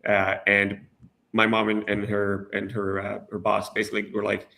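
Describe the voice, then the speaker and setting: A middle-aged man from the United States talks as a guest in a relaxed interview. His voice is low and steady, with a gravelly edge. He hesitates often, restarting his sentences. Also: moderate pace. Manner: hesitant, many restarts and fillers. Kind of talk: casual interview.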